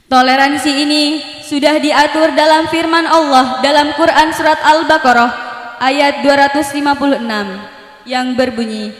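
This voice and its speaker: A young woman giving a formal religious speech, slow and measured in her delivery. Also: sits high, fairly even intonation. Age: young adult. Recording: echoey hall with music behind.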